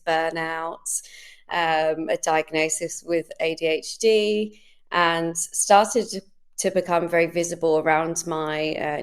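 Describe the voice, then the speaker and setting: A woman in her thirties with a smooth, clear voice pitched slightly low. She introduces herself on a video call, open and thoughtful, pausing as she goes. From London, England. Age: 30s. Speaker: community founder, panel guest. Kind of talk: casual self-introduction.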